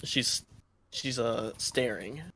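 A young man gaming online with friends over a headset mic, trading quick, joking banter. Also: mid-range voice, creaky, pushed and bright. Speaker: gamer friend. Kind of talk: casual gaming chat.

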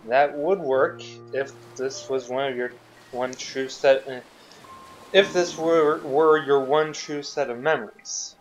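A sardonic male scientist grumbles briskly through the work, read by a man in his own mid-pitched voice. The delivery is casual and informal. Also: steady tone, faint music behind, lightly acted, low-quality recording. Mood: grumbling, brisk.

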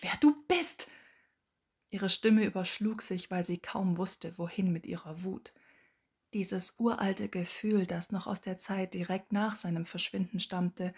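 A woman narrating a fan fiction audiobook in a soft, often hushed delivery. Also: on the low side, husky. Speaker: audiobook reader.

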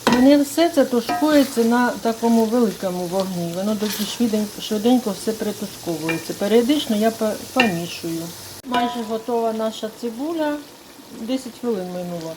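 A middle-aged woman hosting her own cooking channel, calmly explaining a home recipe step by step in an unhurried, chatty way. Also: a little high, background noise. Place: home kitchen. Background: sizzling frying food.

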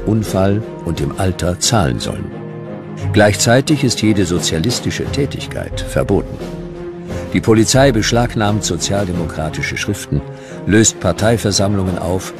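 A deep-voiced man narrates a scripted history documentary. He reads in measured, dramatic short sentences.

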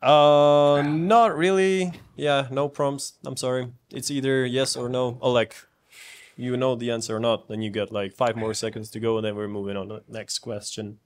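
A man's voice: mid-range voice, little pitch movement, normal speed. A man hosting a casual studio quiz, upbeat and teasing. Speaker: quiz host.

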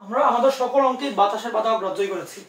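Fast-talking high-voiced man teaching physics. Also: a bit bright, reverberant, distant mic. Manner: quick, coaxing, reassuring tutoring with many asides. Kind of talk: online class lecture.

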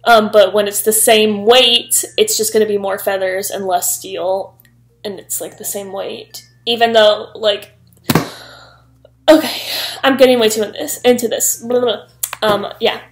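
A woman's voice: mid-range voice, fairly even intonation, unhurried. A young woman talking casually into her laptop for a reaction vlog, chatty and giggly with lots of fillers. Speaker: YouTuber. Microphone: laptop built-in mic.

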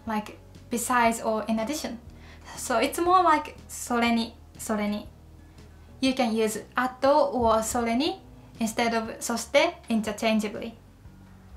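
A woman from Japan with a Japanese accent teaches casual phrases in a patient, clear lesson. Her voice sits a little high, and she slows down to model each example. Soft music plays faintly under her. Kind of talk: scripted lesson to camera.

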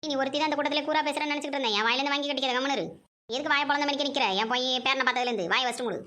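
Brief: bossy, scolding old granny played by a woman, high and very fast, comedy skit. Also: steady tone, pushed and bright. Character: bossy, quarrelsome older grandmother.

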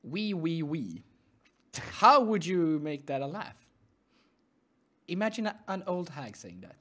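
A man's voice: high-pitched, very animated, unhurried, bright, forceful tone. A man co-hosting a casual manga review who mostly chimes in with short agreements and playful asides. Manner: brief agreeing interjections, laughs easily, playful sound effects. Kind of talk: casual chat.

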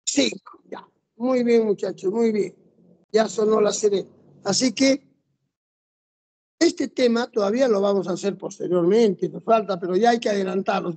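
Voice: mid-range voice, mellow, slightly rough. A teacher in a classroom, methodically walking students through rules step by step and quizzing them on the answers. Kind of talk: classroom lesson.

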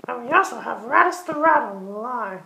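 A woman's voice: a little high, lively intonation, moderate pace, gravelly, sharp tone, slight background noise. A woman hosting a Halloween toy car race in a theatrical, teasing way, cackling between lines. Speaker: host.

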